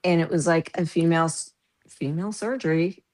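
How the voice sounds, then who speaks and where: A woman's voice: on the low side, steady tone, brisk, a little mellow. A woman in her fifties from the American Midwest, a podcast guest telling stories animatedly and laughing through them. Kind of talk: casual storytelling.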